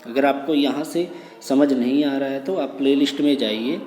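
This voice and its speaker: A man's voice: mid-range voice, normal speed, darkish tone. A man teaching a lesson, reading phrase by phrase, translating each one and patiently drilling words. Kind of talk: explaining a lesson line by line. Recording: roomy with long reverb, faint noise.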